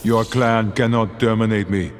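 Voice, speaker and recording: An actor playing an emotionless male cyborg who speaks in a flat, clipped, smooth machine-like way in video game dialogue. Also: on the low side, normal speed, music in the background, lightly acted. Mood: cold.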